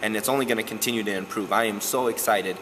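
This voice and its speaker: A young man, a softball coach, answering postgame questions in an earnest, steady way with many "um" fillers, recorded indoors in a gym. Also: on the low side, fast, background noise. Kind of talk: postgame interview.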